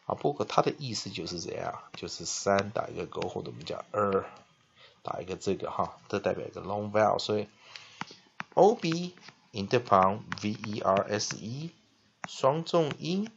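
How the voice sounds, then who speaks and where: Gravelly low-voiced man teaching spelling. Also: sing-song. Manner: spells words letter by letter and repeats them slowly, frequent "ah" fillers. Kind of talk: classroom-style lesson explanation. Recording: dull lo-fi recording with faint noise.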